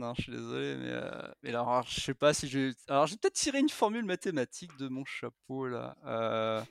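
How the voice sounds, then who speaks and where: A man talks as a podcast guest in an energetic, frank way, his pitch swinging up and down as he makes his points. He stumbles and restarts often and fills pauses with hesitations. The sound is dry and close, with no room echo. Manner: animated, frank, lots of fillers and restarts. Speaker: podcast guest, content strategist. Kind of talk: casual podcast conversation.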